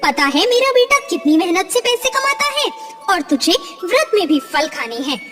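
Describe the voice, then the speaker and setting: A woman voicing a stingy, sharp-tongued older mother-in-law who scolds in a shrill, grudging way, in a storybook narration. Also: very animated, moderate pace. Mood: scolding. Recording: long reverb, faint music behind.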